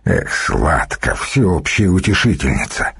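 A man voicing a gruff, commanding male warrior lord, barking orders and musing low. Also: very animated, a little slow, fairly bright tone, no room sound, studio quality, full character voice.

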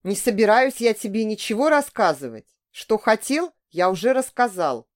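Woman reading a cool, evasive married man, flat dismissive retorts, audiobook. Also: medium pitch, moderate pace, natural voice. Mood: defiant. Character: calm, cold, evasive married man lover.

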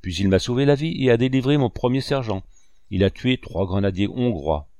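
A man's voice: mid-range voice, lively intonation, fairly quick, warm tone, dry recording, natural voice. A man voicing a proud infantry captain praising his soldier, in a memoir reading.

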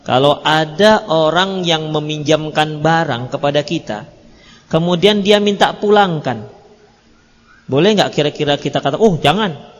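A man voicing a calm, wise young wife, speaking softly and gently in a sermon story. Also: on the high side, measured pace, voice pushed down, close to an everyday voice. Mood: gentle. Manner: soft, quiet and gentle. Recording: long reverb of a hall.

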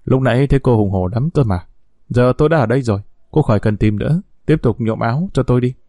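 A man's voice: mid-range voice, fast, warm tone, no room sound, studio quality, natural voice. A man reading a storybook in the part of a spirited young woman, teasing and mocking her rival.

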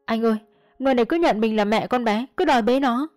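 A woman's voice: on the high side, a little mellow, no room sound, clean studio sound, faint music behind, voice pushed up, lightly acted. A woman voicing a flustered young shopkeeper's wife who speaks hurriedly. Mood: anxious. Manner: hurried, anxious.

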